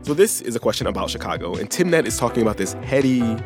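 A man's voice: medium pitch, very animated, fast, music in the background. A man hosting a podcast in an informal, slangy, conversational way. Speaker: podcast host.

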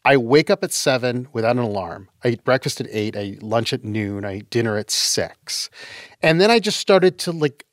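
A man chatting casually as a podcast co-host, with a dry, matter-of-fact, self-deprecating delivery. His voice sits at an ordinary middle pitch. The recording is close and dry, with no room echo. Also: lively intonation, moderate pace. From Canada, raised in Utah. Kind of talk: casual chat.

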